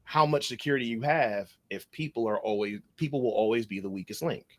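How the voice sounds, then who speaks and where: Male podcast guest, mid-range voice, animated storyteller who voices the people in his tale, loose and full of restarts. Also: mid-range voice, brisk. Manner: animated, acts out dialogue in his stories; loose phrasing with frequent restarts. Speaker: podcast guest, cybersecurity consultant. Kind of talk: conversational storytelling.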